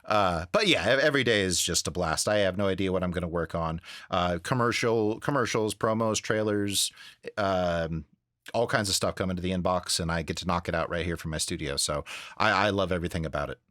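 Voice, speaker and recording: A man talking casually in an interview about his work, earnest and a bit halting, repeating words for emphasis. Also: low-pitched, a bit bright, no room sound, clean studio sound. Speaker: voice-over artist, interview guest. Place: home studio.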